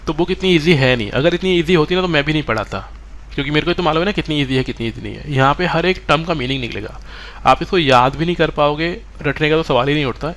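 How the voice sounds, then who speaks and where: A man runs a live online class at a brisk clip, his voice pitched in the middle for a man. He mixes English terms into his Hindi and keeps stopping to ask the students whether they follow. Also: fairly bright tone. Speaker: online exam-prep teacher.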